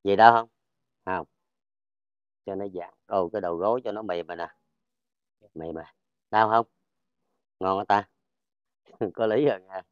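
Southern Vietnamese man, smooth low voice. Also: moderate pace, long pauses, no echo, muffled recording. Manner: keeps checking for pain, loud cheerful exclamations. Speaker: folk healer. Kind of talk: casual talk while treating a patient.

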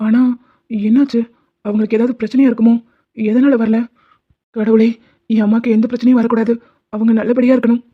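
An anxious young woman, voiced by a woman, prays worriedly to herself in an animated story. The voice is a little high. The audio is dull and lo-fi. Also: a little fast, pauses often, lightly acted. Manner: worried, prayerful.

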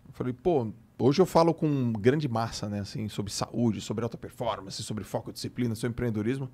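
Animated Brazilian man telling a story. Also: mid-range voice, normal speed, slightly rough. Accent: Brazilian Portuguese. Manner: animated storyteller who acts out quoted dialogue. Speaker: podcast guest. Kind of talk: casual chat, storytelling.

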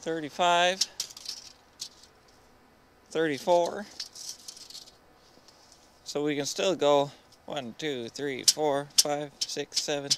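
A man's voice: fairly high pitch, steady tone, drawn-out words, long pauses. A young man running a sawmill in a snowy yard, talking casually and unhurriedly to the camera, muttering measurements to himself as he works. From Canada. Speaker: sawmill operator. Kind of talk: casual narration while working. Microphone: action camera. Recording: loud engine and outdoor noise.

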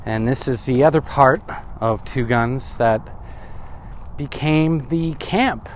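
A man in his thirties, a travel vlogger, walks through open desert and chats casually into a handheld camera or phone mic, tossing in wry asides and asking himself questions. His mid-range voice moves slowly, with slight background noise behind it.

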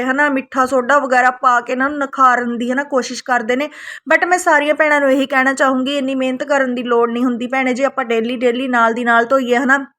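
A woman's voice: high-pitched, fairly bright tone. A woman with an Indian Punjabi accent narrating a casual family vlog to viewers, chatty and full of little tag questions. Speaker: family vlogger.

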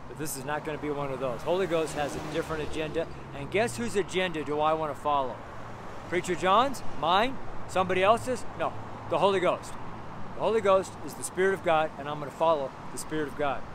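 Standing on a sidewalk by the street, a man preaches in a brisk, fairly high voice, rambling emphatically with chuckles and plenty of fillers. The camera is held close in selfie framing, and traffic can be heard going by throughout this outdoor sermon.

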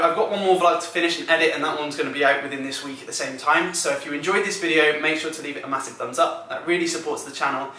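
Filming himself at arm's length on a camera mic, a young travel vlogger talks directly and chattily to his audience, in high spirits, both beside a river and in a bedroom. His voice is a little high, bright and forceful, with a slightly rough texture.

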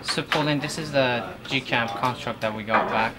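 In a very noisy lab office recording, an Iranian postdoctoral researcher in his thirties is interviewed for a documentary. He talks earnestly at a moderate pace in a medium-pitched voice, using lots of fillers and restarting often.

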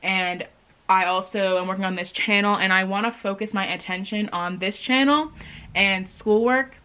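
Her voice is mid-range and steady, at a normal speed but pushed and bright, as this young Maryland vlogger rambles casually to the camera about her day, full of "like". She's indoors at home, with the camera at arm's length or set up nearby, and the recording is clearly noisy.

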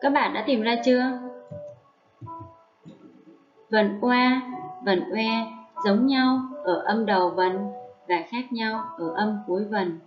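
A woman primary school teacher giving a recorded lesson to first graders, reading rhymes and words aloud slowly and clearly. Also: medium pitch, highs cut off, faint music behind.

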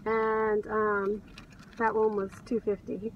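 Speaking slowly in a mid-range voice with a level tone, a middle-aged American woman vlogs casually from her car, gushing with enthusiasm as a reseller showing her thrift finds. The audio sounds dull, captured by a distant mic amid background noise in the cabin.

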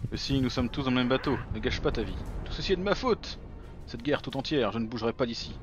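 A man's voice: mid-range voice, animated, quick pace, lo-fi sound, music in the background, lightly acted. A man voicing a defiant, guilt-ridden young hero in a fantasy game, earnest and dramatic. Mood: earnest pleading.

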